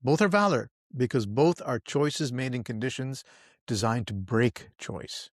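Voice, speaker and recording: A man co-hosting a history podcast in casual chat, measured and reflective. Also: medium pitch, no echo, clean studio sound. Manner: reflective, measured, breaks into laughs. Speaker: podcast co-host.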